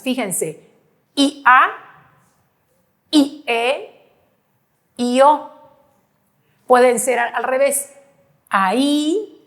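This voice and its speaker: A woman teacher presents a grammar lesson over slides, patiently repeating points and checking understanding with short hums. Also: sits high. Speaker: school teacher.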